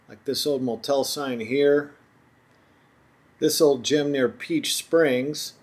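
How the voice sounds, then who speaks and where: Speaking at a medium pitch, a man voices over footage of his own road trip. He takes an easygoing, talkative tour-guide approach.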